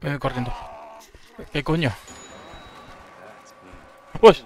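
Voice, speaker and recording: A man from Spain with a Murcian accent, commenting on a game he is playing, breaking into loud surprised swearing and laughter. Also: fairly high pitch, takes it slowly. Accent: Murcian Spanish. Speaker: gaming streamer. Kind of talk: gameplay commentary.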